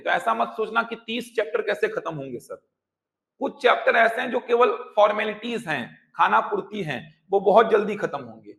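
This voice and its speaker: Male coaching teacher, bright edge, high voice, teaching in an echoey classroom. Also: creaky. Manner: explains by repeating terms in Hindi and English. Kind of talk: classroom lecture.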